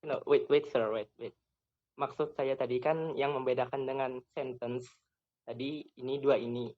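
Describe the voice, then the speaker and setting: Male student, mid pitch, hesitant answers with fillers, muffled recording. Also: fairly even intonation, normal speed. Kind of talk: classroom discussion.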